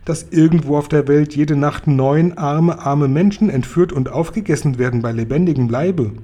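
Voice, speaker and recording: A man voicing a small, curious little girl from a storybook, who asks eager questions and is quickly horrified. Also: fairly high pitch, warm tone, pitched above the performer's own voice, close to an everyday voice. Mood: questioning. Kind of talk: bedtime story reading.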